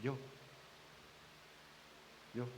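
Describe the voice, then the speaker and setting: A man's voice: extremely slow, a little mellow, a little hiss or hum, rough recording. A man preaching a sermon in church, folksy, joking with the congregation and acting out the voices he quotes. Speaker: pastor.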